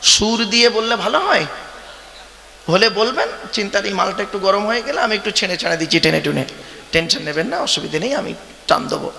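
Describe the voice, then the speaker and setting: A man's voice: high-pitched, animated, brisk, vocal fry, bright, forceful tone, slight background noise. A man preaching a sermon at a religious gathering, talking conversationally and quizzing the crowd directly. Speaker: Islamic preacher. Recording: long reverb of a large venue.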